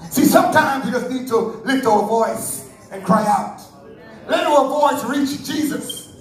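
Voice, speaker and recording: A man preaching a Sunday sermon, fervent and breaking into shouts. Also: very high voice, a little slow, recorded from a distance, faint music behind. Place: church sanctuary. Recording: very echoey church hall, heard from afar.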